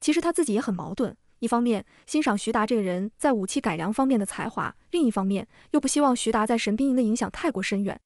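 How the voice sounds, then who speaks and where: A woman narrating a historical audio comic in a brisk storytelling manner. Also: on the high side, lively intonation, darkish tone, dry recording, clean studio sound.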